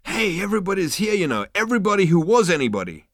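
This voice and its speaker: A man's voice: fairly high pitch, big pitch swings, fairly quick, a bit bright, dry recording, clean studio sound, voice pushed up. A man reading aloud and voicing a brash, boastful, tipsy male alien adventurer, talking big and showing off. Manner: swaggering, showy, tipsy.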